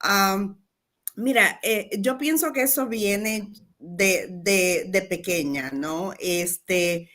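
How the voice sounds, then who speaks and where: A woman's voice: medium pitch, extremely slow, a bit bright. A woman from Rico, a real estate businesswoman talking reflectively as a guest and mixing in English phrases. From Puerto Rico. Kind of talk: casual interview talk.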